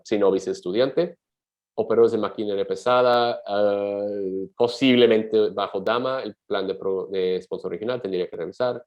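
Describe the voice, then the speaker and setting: A man advising on migration, reading out viewer questions and answering them quickly while thinking aloud in a live webinar. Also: on the low side, low-quality recording.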